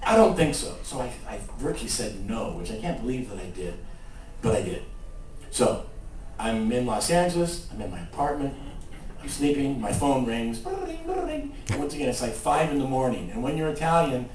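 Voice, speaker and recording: A man telling comic stories on stage in an animated way, acting out the voices. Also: medium pitch, moderate pace, slight background noise. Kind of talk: comic live storytelling. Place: stage at a live show. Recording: roomy live stage from far off.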